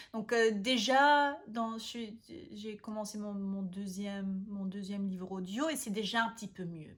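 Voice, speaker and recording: A woman from Austria, talking casually to camera as a language vlogger, often pausing to search for words and restarting. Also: on the low side. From Austria (Vienna). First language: German.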